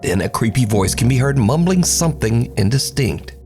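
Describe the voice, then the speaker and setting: A man hosts a video countdown, giving scripted narration of viral clips in a dramatic, playful storytelling style. His medium-pitched, darkish voice has lively intonation and moves at a moderate pace over background music.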